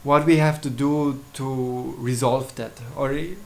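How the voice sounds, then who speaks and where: With a gravelly, medium-pitched voice and fairly even intonation, a Swiss man whose native language is German talks in English about his astrology services. The solo video is casual, and he halts often with fillers and restarts.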